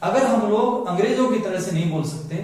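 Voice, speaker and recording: A man's voice: sits high, fairly quick, a little mellow, recorded from a distance. A man teaching an English pronunciation lesson, who repeats each word and asks the class questions. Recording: roomy, from off-mic.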